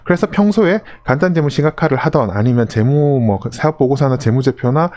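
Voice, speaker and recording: A man's voice: mid-range voice, animated, brisk, a little mellow. A man hosting a live stream, answering a viewer's question in a loose, rambling way that keeps circling back to restart phrases. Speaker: investing channel host.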